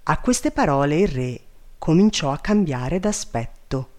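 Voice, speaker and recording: A narrator reading a fairy tale aloud in a measured, even manner. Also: mid-range voice.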